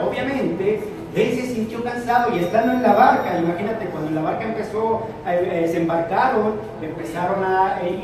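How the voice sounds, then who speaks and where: A man preaching a sermon to a congregation, animated, swinging between loud and soft. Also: high voice, noisy background. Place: church hall with congregation. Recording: echoey hall, from far off. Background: congregation answering.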